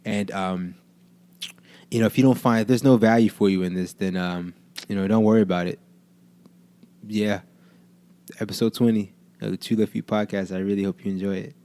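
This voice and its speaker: A man's voice: fairly low pitch, fairly even intonation, normal speed, long pauses, warm tone. A man hosting a podcast, giving a friendly, rambling introduction full of fillers. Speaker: podcast host.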